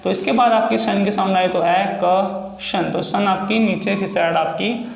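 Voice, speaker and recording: A man with a high, gravelly voice teaches a shorthand lesson at an unhurried pace. He repeats each example word slowly and draws it out. The room gives his voice an echo. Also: fairly even intonation. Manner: slow, drawn-out repetition of example words. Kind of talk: step-by-step lesson explanation.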